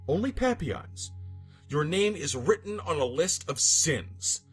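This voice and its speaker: A husky, rather high male voice with a sing-song lilt takes its time on a dramatic reading of absurd scripted fiction. Background music runs beneath his emphatic, theatrical narration.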